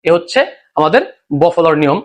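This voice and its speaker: High-voiced Bangladeshi Bengali teacher. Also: male voice, fairly quick. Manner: explains step by step, asks and answers his own questions. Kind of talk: recorded grammar lesson.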